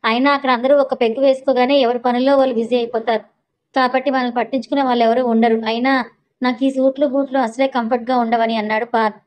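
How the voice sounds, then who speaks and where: A woman's voice: a little high, flat delivery, rapid-fire, lightly acted. A woman voicing an easygoing young groom in a spoken story, casual and reassuring. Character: young man, easygoing groom, brushing off worry.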